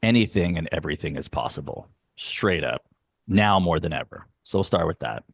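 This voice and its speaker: A middle-aged man with a very low, gravelly voice talks earnestly as an interview guest. He explains his ideas patiently, slowing down to stress key points. The sound is dry and close. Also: lively intonation, no room sound. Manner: earnest, explanatory, sometimes slow and emphatic. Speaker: guest, youth arts nonprofit leader. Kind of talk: conversational interview. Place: home, dog barking nearby.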